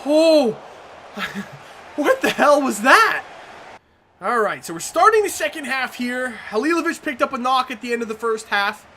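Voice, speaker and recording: A woman commenting on her own video game match, excitable and swearing freely, shouting at big plays. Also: sits high, a little slow, a little hiss or hum. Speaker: gaming commentator.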